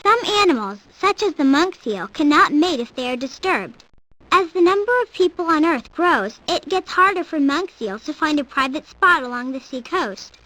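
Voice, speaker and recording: A woman's voice: high voice, animated, normal speed, sharp tone, rough recording. A woman reading scripted nature documentary narration for an educational program.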